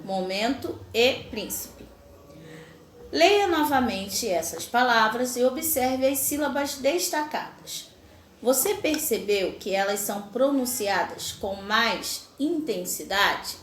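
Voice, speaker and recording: A slow, clear woman teacher talks a class of children through a lesson, addressing them directly. Her voice sits a little high and rings in a roomy space. A faint hiss sits behind her. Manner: calls herself "a tia", addresses pupils directly. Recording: echoey room with faint noise.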